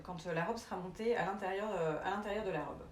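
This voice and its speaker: A woman with an English accent giving a live sewing tutorial in a relaxed, chatty way, with lots of fillers. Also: medium pitch, quick pace. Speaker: sewing instructor. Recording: echoey room.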